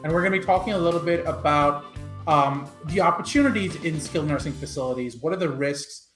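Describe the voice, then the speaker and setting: A man hosting a podcast interview, reading a sponsor spot and asking upbeat questions with quick restarts. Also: fairly high pitch, fairly bright tone, reverberant, faint music behind. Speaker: podcast host.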